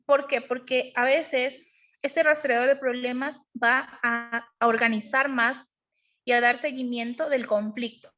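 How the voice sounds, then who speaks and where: A woman's voice: sits high, steady tone, measured pace, a bit bright. A woman teaching an online class on emotional parenting, explaining step by step and often checking in with her listeners. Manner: explanatory, asks frequent checking questions. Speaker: parenting educator. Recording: dull lo-fi sound.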